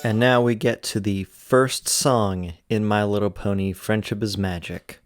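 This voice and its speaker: A man's voice: on the low side, fairly even intonation, unhurried, music in the background. A man giving scripted recap narration and commentary as host of an episode retrospective.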